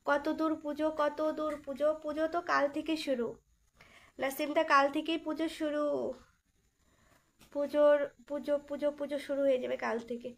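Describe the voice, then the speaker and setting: A woman's voice: sits high, fairly even intonation, moderate pace. A young woman hosting a casual live stream, chatting and teasing as she greets viewers by name, her voice changed by a sore throat.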